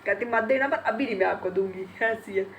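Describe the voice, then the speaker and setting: A woman's voice: mid-range voice, brisk, a little hiss or hum. Chatty woman with a stuffy head cold. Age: middle-aged. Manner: chatty, laughing often, retelling family talk. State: congested and sore-throated from a cold. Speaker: vlogger. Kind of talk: casual chat to camera.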